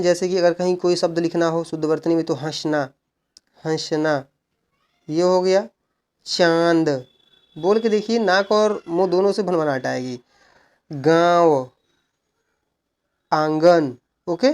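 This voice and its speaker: A male teacher giving an exam-prep grammar lesson, who asks questions and answers them himself while explaining slowly and repeating key points. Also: sits high. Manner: slow, repeated explaining with frequent "look" and "okay".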